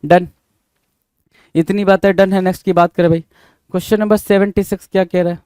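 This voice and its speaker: A man's voice: high-pitched, flat delivery, fairly quick, a little mellow, clean tone, no room sound. Man spelling out words letter by letter. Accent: Indian. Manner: often adds "bhai" to address viewers. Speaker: teacher. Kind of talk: spelling lesson, checking answers.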